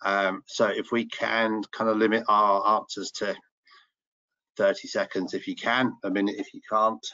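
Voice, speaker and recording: A man's voice: fairly low pitch, flat delivery, moderate pace, pushed and bright. A middle-aged man moderating an online panel through a headset on a video call. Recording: slightly dull video-call audio.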